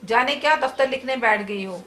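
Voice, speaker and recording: Woman reading as a sick, complaining husband in a comic play script, fretful and groaning, bright high voice. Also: normal speed. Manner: groaning, fretful read-aloud lines. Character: ailing irritable husband, middle-aged man, complaining.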